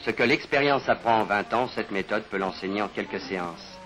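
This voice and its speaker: A man narrating a 1950s broadcast documentary in a measured, formal manner, sometimes posing rhetorical questions. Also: lowish voice, sharp tone, low-quality recording. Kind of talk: scripted narration. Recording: narration over clear background music.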